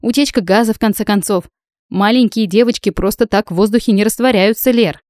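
A woman reading an audiobook, voicing a brash, teasing young female friend who talks loud and breezy. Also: medium pitch, brisk, no room sound, studio quality, voice pushed up, lightly acted.

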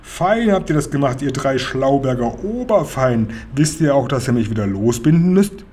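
A man reading a children's story aloud and voicing an indignant, blustering male robber, with a slightly husky voice that jumps much higher when he protests. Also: lively intonation, normal speed. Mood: roaring laughter. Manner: bellowing, laughs in loud high bursts.

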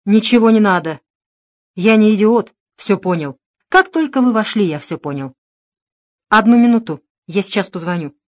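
A woman's voice: mid-range voice, animated, moderate pace, no room sound, studio quality, voice pushed up, natural voice. A woman voicing a frightened, blustering middle-aged male swindler in an audiobook, in a whiny, defensive tone. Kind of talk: audiobook narration.

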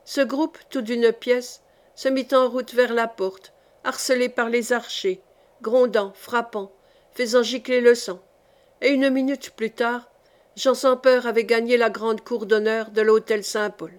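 A woman narrating a historical novel as an audiobook, in a measured, dramatic reading. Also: on the high side, steady tone.

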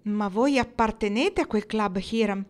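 A woman's voice: medium pitch, a little slow, darkish tone, voice pushed up, natural voice. A woman reading the part of a modest young woman, speaking in a startled, protesting way. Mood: surprised.

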